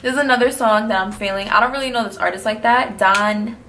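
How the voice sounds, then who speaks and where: Laid-back young New woman, vocal fry. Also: a little high, fairly quick, heavy background noise. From New York. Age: early 20s. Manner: slangy, blunt, laid-back. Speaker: vlogger answering fan questions. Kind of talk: casual Q&A chat.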